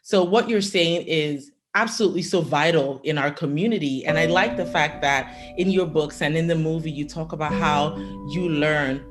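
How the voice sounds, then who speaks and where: A woman's voice: deep voice, music in the background. A woman from Nigeria hosting an interview, affirming her guest as she asks questions. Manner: affirming, quick to agree. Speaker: host.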